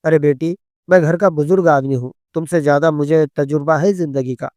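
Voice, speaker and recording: A man voicing an elderly father-in-law who speaks in a gentle, pleading way in a story reading. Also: fairly high pitch, fairly even intonation, brisk, dry recording, clean studio sound, lightly acted.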